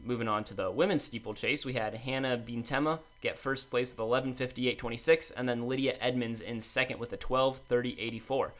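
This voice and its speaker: Young man reading sports results. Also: medium pitch. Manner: brisk list-reading, upbeat. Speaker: co-host of a college sports podcast. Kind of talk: casual chat, reading results.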